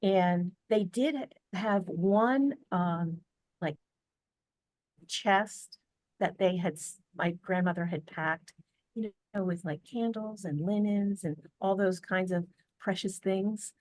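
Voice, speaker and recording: A woman's voice: mid-range voice, slow, a little mellow, no room sound. Earnest chatty American woman on a video call. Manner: earnest, chatty, many fillers and restarts. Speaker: podcast guest. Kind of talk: casual storytelling interview.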